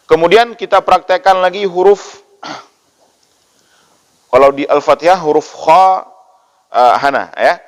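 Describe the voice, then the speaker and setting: Slow-speaking male Quran teacher, echoing hall. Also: a little high. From Indonesia. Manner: patient, repeats letter sounds many times for students to copy; chants Quranic phrases in drawn-out recitation. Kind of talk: slow tajwid lesson with call-and-repeat drills. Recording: long hall reverb.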